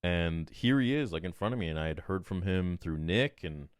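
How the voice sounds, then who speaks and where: Low-voiced man telling a rambling story. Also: moderate pace, clear, resonant tone, no echo, clean studio sound. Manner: animated, rambling retelling full of "I'm like". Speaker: podcast guest. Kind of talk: casual storytelling.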